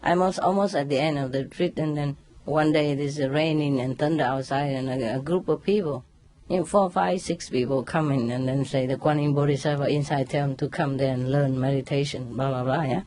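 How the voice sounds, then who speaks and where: A woman's voice: very deep voice, a little fast. Laughing woman telling a story. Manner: laughs often, animated storytelling with sound imitations. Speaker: spiritual teacher. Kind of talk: casual spoken talk.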